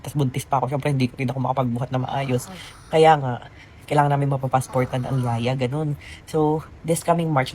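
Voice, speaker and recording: Young woman vlogger, rapid rambling chatter, faint room hum behind. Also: rumbling low, a little mellow. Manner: chatty, rambling, full of fillers. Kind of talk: casual storytelling vlog. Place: hotel room.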